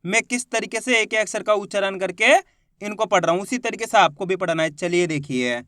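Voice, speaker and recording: A man teaching children to read, spelling out syllables slowly and stressing each whole word loudly, with quicker, quieter explanations in between. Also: high voice, dry recording, clean studio sound. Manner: drawn-out syllables, rising loud on each finished word. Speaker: Hindi reading teacher. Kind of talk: slow spelled-out phonics lesson.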